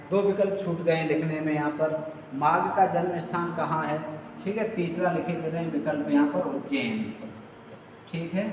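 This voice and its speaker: A fairly high-pitched male teacher works through exam quiz questions, repeating each key word slowly and checking in often. He sounds distant from the mic. His voice rings with a long room echo over faint background noise. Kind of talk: exam-prep quiz lesson.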